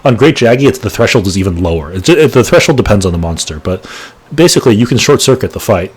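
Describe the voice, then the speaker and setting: Quick and very animated, a slightly rough, lowish male voice delivers laid-back gameplay commentary. He's a gaming channel host in his late thirties who rambles and keeps correcting himself mid-play.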